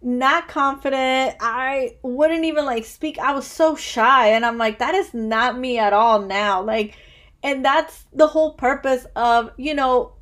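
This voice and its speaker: Her voice pitched quite high and her pace a little slow, a woman in her early thirties hosts a casual podcast interview. She keeps rambling and restarting, with "like" turning up constantly in her chatty talk.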